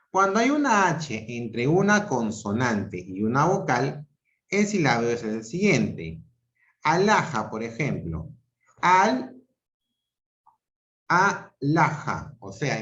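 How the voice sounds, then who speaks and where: A Peruvian man teaching an online grammar class. He talks slowly and deliberately, repeats each example syllable by syllable, and keeps checking in with "¿ok?" and "¿ya?". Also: mid-range voice, fairly bright tone. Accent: Peruvian Spanish. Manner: checks understanding with frequent "¿ok?" and "¿ya?". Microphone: video call. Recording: roomy, dull video-call audio.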